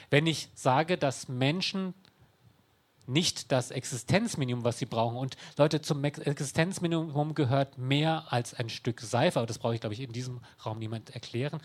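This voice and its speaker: Wry, conversational man explaining to a room. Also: on the high side. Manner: conversational and wry, with dry sarcastic asides. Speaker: speaker explaining law to an audience. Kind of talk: explanatory public talk.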